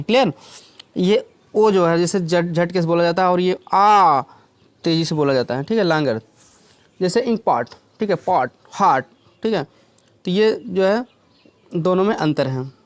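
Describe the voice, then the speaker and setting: Male teacher, high and clear voice, patient step-by-step explaining, dry room. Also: a little mellow, no room sound. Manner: explains step by step, often checks with "clear?" and "theek hai". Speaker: English teacher. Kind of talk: classroom lesson.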